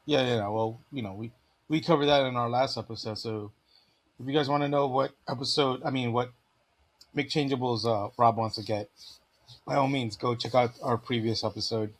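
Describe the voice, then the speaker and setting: A man hosting a casual podcast chat about collectible toys. His throat is phlegmy and he clears it often, and he talks in an easygoing, chatty way with lots of fillers. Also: medium pitch, steady tone, normal speed. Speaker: podcast host.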